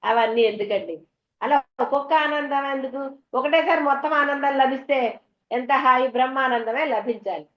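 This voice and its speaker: A woman's voice: sits high, brisk, a bit bright. A woman giving a devotional discourse to an audience, chatty and full of homely stories and questions to the listeners. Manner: conversational, tells homely anecdotes, asks the audience questions. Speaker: spiritual teacher. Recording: dull, echoey hall recording.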